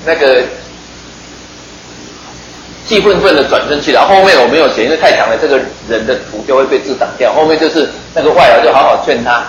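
A man's voice: mid-range voice, a bit bright, roomy sound, slight background noise, low-quality recording. A man preaching a sermon in a chatty, joking way, often putting questions to his listeners.

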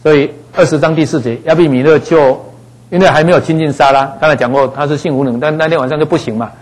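A man teaching a Bible passage in a relaxed, conversational way, dropping frequent little fillers. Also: on the high side, fast talker, poor audio. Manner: conversational, frequent "哈" fillers, acts out voices in quotes.

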